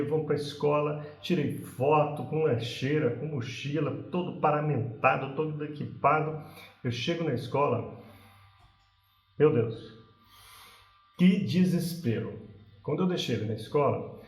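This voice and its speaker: A man's voice: fairly high pitch, darkish tone. A man in his forties with a Brazilian Portuguese accent, a parenting channel host telling a personal story in a casual, conversational way with frequent tag questions. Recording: roomy echo.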